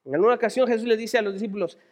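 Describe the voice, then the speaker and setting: A Mexican man preaching a sermon as a pastor, dramatic, moving between shouted appeals and hushed tones. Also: high-pitched, racing.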